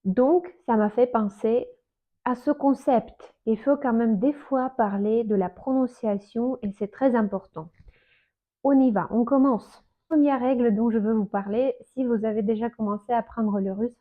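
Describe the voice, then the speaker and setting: A woman explains things in a casual video lesson, slowly and hesitantly, with many fillers and restarts. Her voice is narrow and tinny, as if heard over a phone line. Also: on the high side. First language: Russian. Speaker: Russian teacher.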